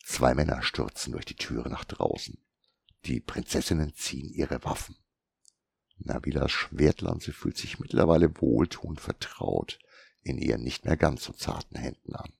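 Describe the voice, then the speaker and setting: Very deep gravelly male narrator. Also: lively intonation, measured pace, no echo. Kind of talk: audiobook narration.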